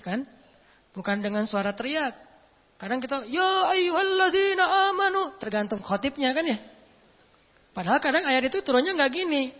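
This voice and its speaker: Casual, joking woman preacher in an echoey hall. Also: a little high. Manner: humorous, storytelling, acts out quoted speech. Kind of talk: casual religious lecture. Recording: echoey hall, dull lo-fi sound.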